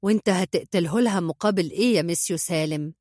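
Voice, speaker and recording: Woman reads sneering retired hitman, sharp-tongued, quick to blow up, dry close read. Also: on the low side, no room sound, lightly acted. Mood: mocking. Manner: mocking, scornful, flares into shouting. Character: sarcastic hot-tempered male retired hitman.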